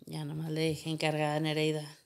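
Woman, deep voice, vocal fry, podcast guest, personal storytelling. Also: completely flat delivery, quick pace. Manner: retells events with much reported dialogue.

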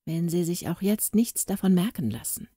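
A woman voicing an old male boatswain, loyal and secretive, speaking in a hurried, lively way in a storybook reading. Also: on the low side, breathy edge, dry recording, clean studio sound. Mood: urgent.

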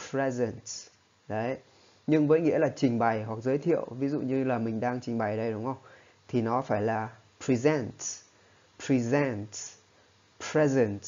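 A man's voice: mid-range voice, a little mellow, highs cut off. A man teaching a spoken lesson, explaining patiently and often checking in with his listeners. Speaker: English teacher.

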